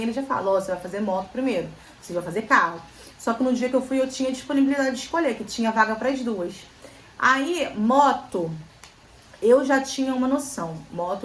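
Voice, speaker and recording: Brief: young Brazilian woman, chatty storyteller, fairly high voice, mic a bit distant, echoey room. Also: slight background noise. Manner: chatty storytelling, repeats phrases, animated retelling. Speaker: vlogger. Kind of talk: casual chat. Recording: roomy, slightly distant, faint ambience.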